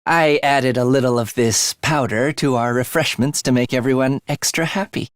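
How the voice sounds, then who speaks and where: For video game voice acting, a man lightly plays an eerie, bloodthirsty young male student, sinister and theatrical, savoring morbid details with a sly, determined air. His mid-range voice keeps a moderate pace in a studio-quality recording with no echo.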